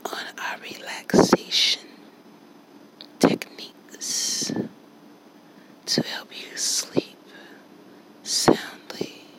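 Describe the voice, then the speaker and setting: Slow whispering woman guiding relaxation. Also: rough recording. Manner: slow, soft whisper counting breaths. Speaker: relaxation host. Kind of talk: whispered ASMR guided relaxation.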